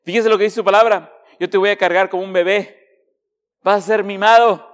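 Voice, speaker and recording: A man preaching a sermon as a pastor. He asks the congregation direct questions and swings between hushed, slow passages and raised, emphatic ones. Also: high-pitched, fairly even intonation, in a large hall.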